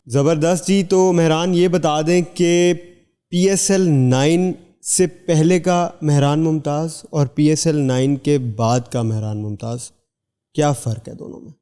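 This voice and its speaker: A man hosting a podcast interview, asking upbeat, brisk questions. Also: fairly high pitch, steady tone, warm tone, clean tone, in a large hall. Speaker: podcast host.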